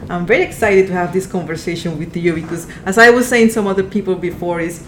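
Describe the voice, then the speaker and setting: A woman's voice: quick pace, a bit bright. A woman hosting an interview podcast, asking curious questions. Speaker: podcast host. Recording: echoey room with faint rumble.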